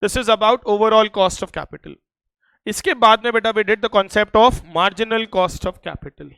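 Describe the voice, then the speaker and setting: A male teacher with an Indian accent delivers a revision lecture in a high, clear voice. The sound is close and dry, and his delivery is emphatic, often pausing to check that the class follows. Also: fairly bright tone, dry recording. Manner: emphatic, repeatedly checking in with students. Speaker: accountancy teacher.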